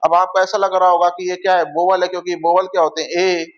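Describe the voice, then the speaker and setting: A man's voice: high-pitched, level tone, quick pace. A male teacher, going through exam questions and quizzing his listeners with repeated questions. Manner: addresses viewers as friends. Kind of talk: exam prep lesson. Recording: dull lo-fi audio.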